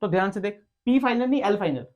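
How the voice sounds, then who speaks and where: A man tutoring physics at a board, coaxing and teasing his student and checking again and again that it is clear. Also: sits high, lively intonation, fast talker. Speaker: physics teacher. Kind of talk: blackboard tutoring session. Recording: dull lo-fi recording.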